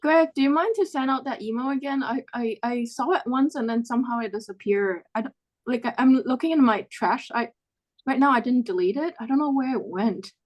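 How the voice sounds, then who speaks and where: A woman chatting on a video call, friendly and quick to chime in. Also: on the high side. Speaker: art group participant. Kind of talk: casual video call chat.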